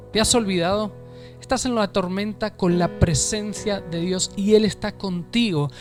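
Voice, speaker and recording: A man preaches an online sermon and leads prayer. His voice sits high and his delivery is earnest and fervent. Soft music plays faintly behind him. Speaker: pastor.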